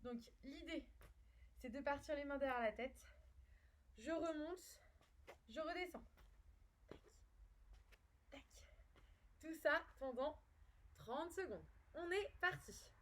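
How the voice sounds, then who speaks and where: A woman's voice: sits high, takes it slowly, pauses often. A French woman leading a home workout as a fitness instructor, upbeat and encouraging, counting repetitions aloud.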